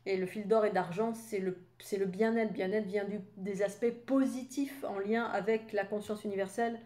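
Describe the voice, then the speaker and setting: The speaker, a French woman in her fifties who works as a spiritual coach, has a dark-toned, steady mid-range voice at a normal pace. Her casual monologue wanders and chats along, with plenty of fillers and side remarks.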